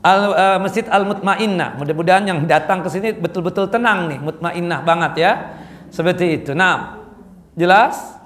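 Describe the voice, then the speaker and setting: A man's voice: sits high, moderate pace, fairly bright tone, reverberant. A man preaching casually in a mosque, answering questions and often checking whether the audience understood. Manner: conversational, asks the audience "jelas?" often.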